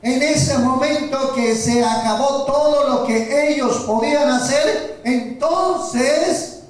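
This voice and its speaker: A male pastor delivering a slow, emphatic sermon and asking rhetorical questions of the congregation. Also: very high voice. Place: church sanctuary. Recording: roomy echo, heard from a distance.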